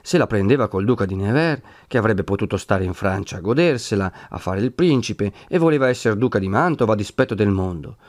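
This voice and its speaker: A man narrating a classic novel in a steady, measured reading. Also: fairly low pitch, no room sound, clean studio sound.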